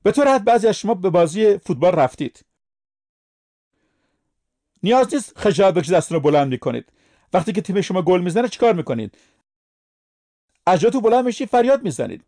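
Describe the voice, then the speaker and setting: A man's voice: high-pitched, warm tone. A man preaching a sermon, speaking emphatically and putting questions to his listeners.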